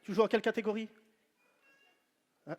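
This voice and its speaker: A man doing stand-up crowd work on stage, teasing the audience with loud, street-flavoured banter. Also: high-pitched, steady tone, normal speed, slight background noise. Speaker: stand-up comedian. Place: large venue on stage. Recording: live show with long hall reverb.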